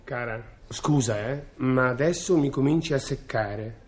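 A man acting a husband in a comic sketch, feigning calm with a mild, offhand tone before he bursts out shouting. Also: mid-range voice, measured pace.

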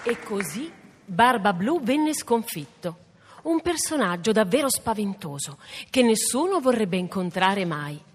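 A woman's voice: mid-range voice, very animated, measured pace, slight background noise. A woman radio host comments on a fairy tale in a reflective, explanatory way, recorded in a reverberant hall.

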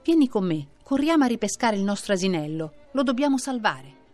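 A woman voicing a caring, practical mother who speaks gently but with resolve in a children's story. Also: medium pitch, very animated, a little fast, faint music behind, close to an everyday voice. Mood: determined.

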